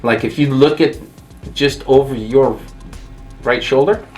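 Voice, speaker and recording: A man's voice: mid-range voice, measured pace, a little mellow, faint music behind. A man co-hosting a fragrance review, giving his opinions in a casual, conversational way.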